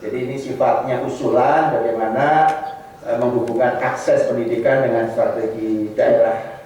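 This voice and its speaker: A man's voice: mid-range voice, fairly even intonation, moderate pace, a little mellow. A man moderating a public consultation forum, reading out chat questions with many hesitant fillers. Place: meeting room, heard from a distance. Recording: distant echoey room mic with faint noise.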